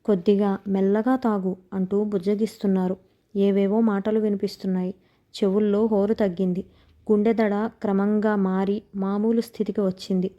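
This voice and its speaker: A woman's voice: mid-range voice, little pitch movement, normal speed, mellow. A woman narrating a novel aloud, reading steadily and expressively. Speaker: audiobook narrator. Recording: dull lo-fi recording.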